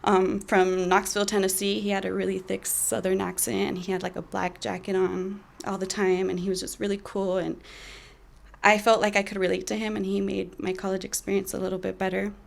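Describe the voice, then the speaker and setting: A young woman in her twenties telling a personal story in a candid, halting way with many fillers. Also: mid-range voice, little pitch movement, creaky. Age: 20s.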